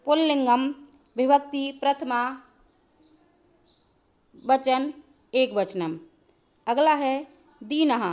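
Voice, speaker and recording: A woman teacher going through Sanskrit grammar answers, dictating them slowly and methodically. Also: high voice. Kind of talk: explaining a grammar lesson.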